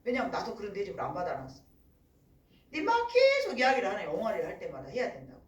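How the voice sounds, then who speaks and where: Middle-aged woman pastor, lively pitch, acts out voices, roomy church sound from a distance. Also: quick pace, dull audio. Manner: animated storytelling, acts out voices. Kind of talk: sermon.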